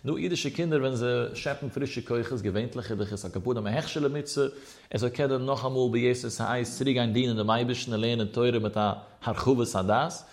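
A man's voice: medium pitch, brisk. A man teaching a religious law lesson, citing sources in a rising and falling cadence. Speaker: Torah teacher.

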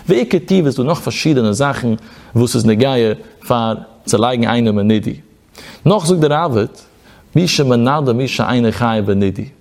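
A man's voice: medium pitch, expressive, normal speed, darkish tone. A man giving a Talmudic study lecture as a religious teacher, in a sing-song study cadence that swoops up and down.

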